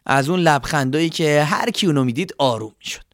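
A man reads a children's story aloud, gentle and expressive. His voice sits a bit high for a man. The recording is close and dry. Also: no echo.

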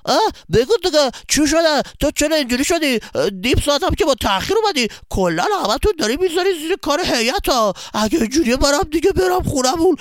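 Man voicing a storybook boy, whiny, shrill, loud, grumbling. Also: very animated, hardly any pauses, no room sound, studio quality. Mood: complaining. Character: whiny, complaining boy, easily upset.

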